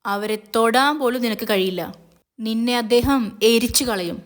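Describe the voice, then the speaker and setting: Scared young woman begging and snapping back, higher voice, read by a lady. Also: normal speed, natural voice. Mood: distressed. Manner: pleading, upset, defiant. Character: frightened, pleading young woman.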